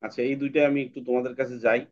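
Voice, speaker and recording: A man teaching English pronunciation in an online class, patiently repeating words slowly for drilling. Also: mid-range voice, fairly even intonation, darkish tone, lo-fi sound.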